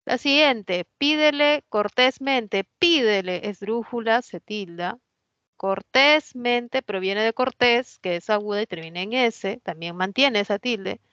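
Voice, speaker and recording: A woman's voice: mid-range voice, unhurried, fairly bright tone, no echo, highs cut off. A woman teaching a spelling lesson. She explains the rules step by step and keeps checking that the class follows. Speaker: language teacher. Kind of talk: pre-university spelling lesson.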